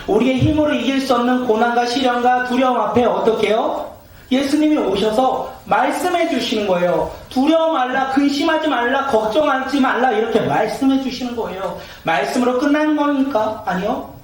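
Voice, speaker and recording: A man's voice: extremely high pitch, lively intonation, brisk. A man preaching as pastor, asking the congregation rhetorical questions and leading them in reading aloud. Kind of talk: sermon. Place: church sanctuary. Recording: roomy echoey sanctuary, mic at a distance, faint noise.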